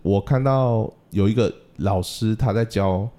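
A young man co-hosting a casual podcast, a music teacher who tells animated stories about students and mimics crying kids. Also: unhurried. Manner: animated storytelling, acts out crying kids in a high voice.

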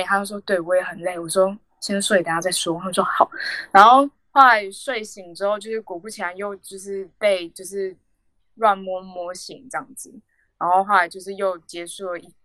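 A woman's voice: mid-range voice, sharp tone, dry recording. A young woman, rambling through a casual story on a podcast with many fillers and restarts. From Taiwan. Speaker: podcast co-host.

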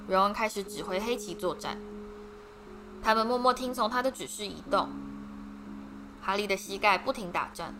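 A woman reading a storybook aloud in a steady, dramatic narrating style. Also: medium pitch, noisy background. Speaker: audiobook reader. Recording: background music.

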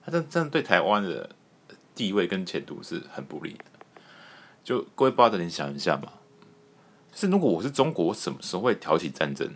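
Animated low-voiced man ranting. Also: fairly quick, pauses often, a little hiss or hum. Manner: animated, rambling, emphatic, swears casually. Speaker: podcast host. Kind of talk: casual political commentary.

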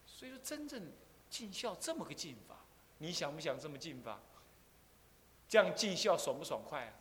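An older man, a Buddhist abbot, giving an animated dharma lecture full of rhetorical questions. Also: fairly high pitch, normal speed, slight background noise. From Taiwan. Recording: long hall reverb.

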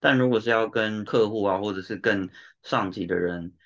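A man with a somewhat low, slightly bright voice speaks at a normal pace in a Taiwanese Mandarin accent, chatting casually and explaining things through examples while mixing in a few Japanese and English words. He's a podcaster who lives and works in Japan. The audio sounds dull and lo-fi.

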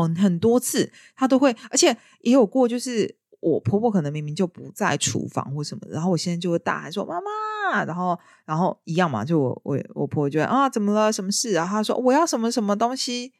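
A woman chatting casually as a podcast host, telling her stories in a lively way. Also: lowish voice, fast talker, dry recording, clean studio sound. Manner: lively storyteller. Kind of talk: casual chat.

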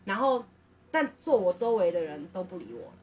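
A woman's voice: lowish voice, sing-song, a little fast, far from the mic, muffled recording, slight background noise. A young woman, a podcast co-host telling a personal story in an earnest, rambling way full of restarts.

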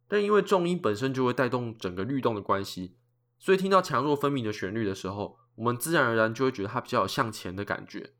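A man, methodically explaining a cappella singing technique in a calm lesson. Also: medium pitch. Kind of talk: explanatory lesson with sung examples.

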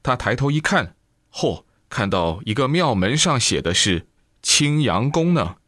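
A man reading a Buddhist book aloud in lively storytelling style, with exclamations. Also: mid-range voice, unhurried, no echo, clean studio sound. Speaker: reader.

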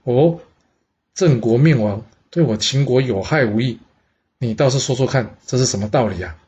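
A man voicing a proud male ruler who speaks in a brisk, demanding way. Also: medium pitch, animated, a little mellow, slightly rough. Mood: stern. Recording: dull lo-fi audio.

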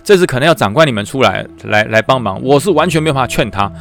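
A man's voice: mid-range voice, animated, fast, gravelly, fairly bright tone. A man with a Taiwanese Mandarin accent voicing a chubby young soldier who reports to his commander in a flustered, stammering way. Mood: helpless.

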